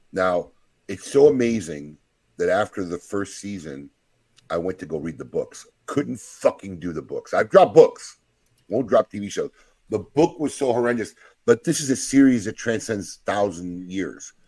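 A middle-aged man hosting a podcast in casual chat, excitable and swearing often. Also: sits low, husky, no echo. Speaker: podcast host.

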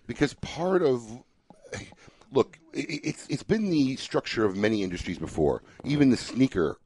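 Animated man ranting as a podcast host. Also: mid-range voice, moderate pace, breathy edge. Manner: animated, ranting, frequent restarts. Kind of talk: casual opinionated chat.

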